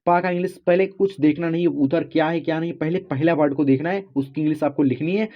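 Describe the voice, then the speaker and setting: A man teaching a spelling lesson, slowly spelling out words letter by letter and often checking in with the listener. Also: fairly high pitch. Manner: slow, spells out letters one by one, often says "ठीक है". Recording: muffled lo-fi recording.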